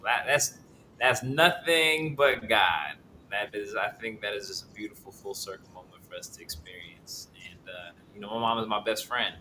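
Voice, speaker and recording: A man in his thirties answers a host's questions over a remote call. His low voice has a bright, forward edge. He speaks earnestly and reflectively, restarting his phrases often, with a faint hum behind him. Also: poor audio. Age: 30s. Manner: earnest, reflective, halting with fillers. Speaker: actor guest. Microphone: remote call connection.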